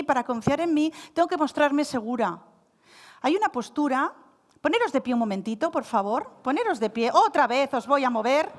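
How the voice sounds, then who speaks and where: Lively woman coaching in a hall. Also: sits high. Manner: lively, asks the audience questions and gives instructions. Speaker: coaching speaker. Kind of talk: live coaching talk to an audience. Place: hall with audience. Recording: reverberant hall.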